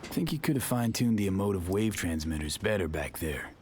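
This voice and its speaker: Weary mercenary, dry, low pitch, video game drama, noisy ambient background. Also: male voice, animated, brisk, darkish tone. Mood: calm.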